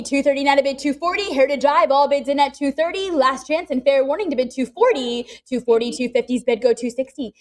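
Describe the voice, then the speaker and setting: A woman working as an auctioneer, briskly calling live bids in a repetitive chant, urging bidders on and adding chatty asides. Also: sits high, a little mellow.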